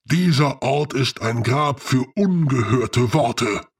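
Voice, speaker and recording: A man voicing a huge male clay golem who speaks slowly with unshakable calm. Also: medium pitch, creaky, slightly rough, distant mic, full character voice. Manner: slow, even and unshakably calm. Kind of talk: audiobook character voice.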